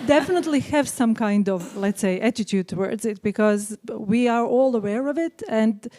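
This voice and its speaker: A woman from Croatia with a Croatian accent stands up in a lecture hall audience to ask a question. Her voice is warm and mellow, and she presses her point earnestly. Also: on the high side, normal speed. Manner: earnest, persistent. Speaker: audience member asking a question.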